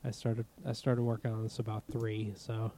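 A man with a Massachusetts accent chats loosely as a podcast co-host, his voice dark and mellow. He swears freely and laughs often. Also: lowish voice, little pitch movement, normal speed, slight background noise. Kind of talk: casual podcast chat. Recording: remote recording without proper mics.

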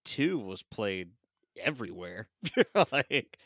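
A man's voice: on the low side, very animated, takes it slowly, fairly bright tone, no room sound, clean studio sound. A man co-hosting a podcast, laid-back and playful. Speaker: podcast co-host. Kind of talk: casual chat.

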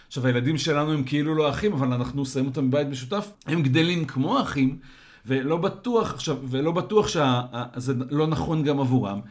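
Man co-host, slightly raised pitch, steady explanatory conversational tone. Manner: calm, restates and expands with examples. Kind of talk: casual podcast discussion.

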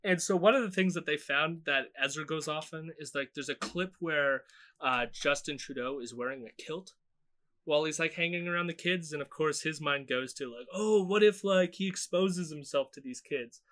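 A man's voice: fairly high pitch, moderate pace, sharp tone. A man co-hosting a casual political podcast, rambling with fillers and laughing often. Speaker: podcast co-host.

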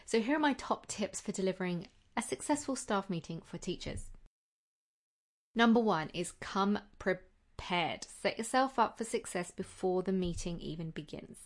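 A woman's voice: mid-range voice, lively intonation, fairly quick, few pauses. Upbeat woman giving tidy, reassuring advice. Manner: chatty, reassuring, organised numbered tips. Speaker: teacher giving advice as host.

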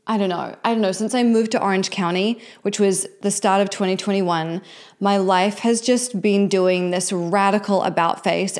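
A woman's voice: medium pitch, darkish tone. A woman of about forty hosting her own show, talking candidly and reflectively in a confessional, conversational life update to her followers. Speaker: host of a personal show.

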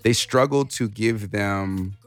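A man's voice: on the low side, slow, soft background music. A man co-hosting a casual chat about hip-hop records, thinking aloud with many ums and restarts. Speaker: podcast co-host.

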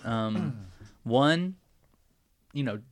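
A man hosting a podcast in casual chat, jokey and quick to swear. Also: mid-range voice, animated, no echo, studio quality. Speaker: podcast host.

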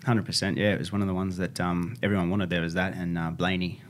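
A man's voice: deep voice, little pitch movement, quick pace, a little hiss or hum. An Australian man hosting a casual interview podcast, talking in an informal, blokey tradesman manner. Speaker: podcast host.

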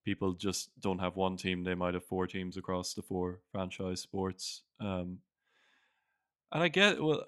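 An Irish man hosts a casual sports conversation in a low, very smooth voice. His pitch moves little, and his accent is plainly Irish. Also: fairly bright tone, dry recording, studio quality. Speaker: podcast host.

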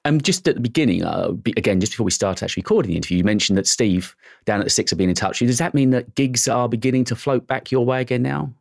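A man's voice: mid-range voice, animated, very fast, vocal fry, no room sound, clean studio sound. A middle-aged man hosting a show, rambling a little with plenty of fillers as he interviews a guest. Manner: rambling, warm thanks, many fillers. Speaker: radio show host. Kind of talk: casual interview chat.

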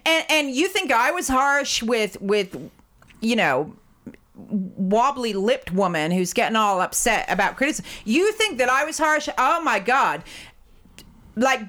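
A woman telling stories in a casual chat, blunt and profane, acting out the people she talks about. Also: a little high. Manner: blunt, profane, razor-sharp ranting; animated storytelling with mimicked voices.

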